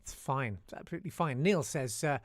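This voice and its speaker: A radio-style show host with a mid-range, expressive voice talks a little fast in clean studio sound with no echo. Chatty and wry, he reads listener messages on a live show, with lots of "uh" hesitations.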